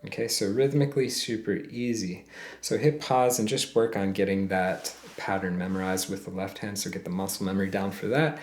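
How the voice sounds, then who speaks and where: A man's voice: sits low, fairly even intonation, brisk, a little hiss or hum. A man teaching a ukulele lesson step by step, patiently calling out frets and counting beats aloud. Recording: roomy sound with loud ukulele playing.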